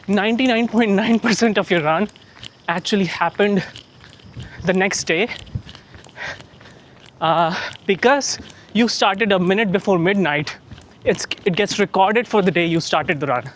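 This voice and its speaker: A man talking casually to his vlog audience while he runs outdoors, with some wind noise in the recording. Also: sits high. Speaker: running vlogger. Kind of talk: casual vlog chat to camera. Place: outdoors on the move.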